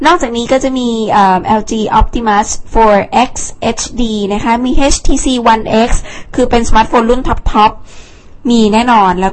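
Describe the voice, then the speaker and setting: Chatty higher-voiced woman host. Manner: chatty, thinks aloud with fillers and asides. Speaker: tech show host. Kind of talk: casual product rundown.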